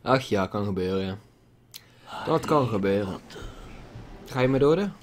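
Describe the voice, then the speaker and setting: A man's voice: on the low side, lively intonation, normal speed, slight background noise. A man giving casual gameplay commentary at his computer, swearing a lot with exaggerated frustration. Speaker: gaming YouTuber. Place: at a computer desk with a loud keyboard. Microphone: desk microphone.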